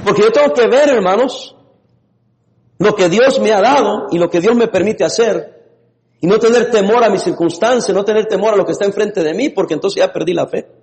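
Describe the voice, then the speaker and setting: A man preaching a lively sermon as a pastor, laughing now and then and breaking into sudden shouts. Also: sits high, a little fast. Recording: long reverb in a hall.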